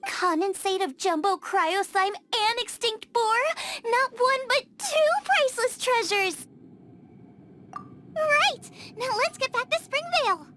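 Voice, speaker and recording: Xiangling, bubbly young chef. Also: female voice, very high-pitched, slow pace, slight background noise, full character voice. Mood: eager. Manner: bubbly, excitable about ingredients. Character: young girl chef, cheerful food-obsessed adventurer. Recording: game audio with loud music.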